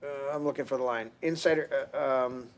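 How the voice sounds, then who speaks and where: A man's voice: medium pitch, fairly even intonation, brisk, a little hiss or hum. A middle-aged man hosting a podcast, ranting heatedly and crudely with frequent restarts. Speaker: podcast host. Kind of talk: casual profane rant.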